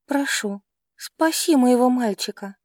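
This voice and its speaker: A man's voice: extremely high pitch, animated, measured pace, a little mellow, no room sound, clean studio sound, voice pushed up. Man voicing a grieving, bitter mother. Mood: pleading. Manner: bitter, pleading. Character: grieving proud mother, middle-aged woman.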